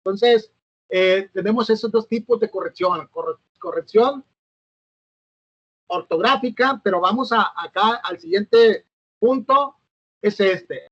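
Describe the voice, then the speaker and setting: High-voiced man lecturing alone. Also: slow, pauses often, a bit bright, husky, dry recording, lo-fi sound. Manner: hesitant, fillers and self-corrections, asks "¿no?". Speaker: teacher. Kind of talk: recorded online lecture.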